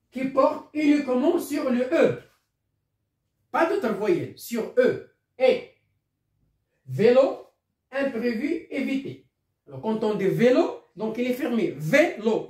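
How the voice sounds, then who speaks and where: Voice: medium pitch, a little mellow. A teacher with a Moroccan accent giving a recorded lesson, patiently repeating and spelling out words, with short explanations in Darija. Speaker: primary school teacher. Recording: echoey room, voice from far off.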